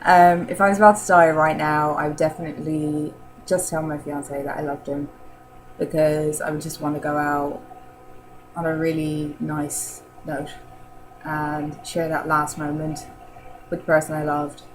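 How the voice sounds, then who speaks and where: A woman chatting casually in a rambling vlog, filling pauses with "um" and laughing often. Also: sits low, level tone, background noise. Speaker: vlogger answering model-challenge questions. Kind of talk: casual chat.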